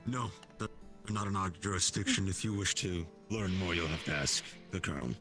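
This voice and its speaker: Man playing a deep-voiced, firm military officer. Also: a little fast, sharp tone, faint music behind. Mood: firm, instructing. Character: steady, dutiful male warden, a military officer in command. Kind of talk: improvised roleplay dialogue.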